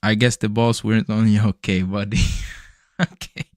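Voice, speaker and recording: A man's voice: fairly low pitch, level tone, unhurried, no echo, studio quality. Laid-back young man streaming trades. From Serbian parents, raised elsewhere in Europe. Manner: loose, chatty, swears and laughs, talks to chat as bro. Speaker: livestreaming futures trader. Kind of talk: casual live-stream commentary.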